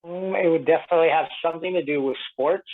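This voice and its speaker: Over a tinny, narrow-band phone connection, a man speaks fast in a voice on the high side. He's an actor from Tampa Bay, Florida, in the United States, born in Puerto Rico, answering casually and conversationally as an interview guest.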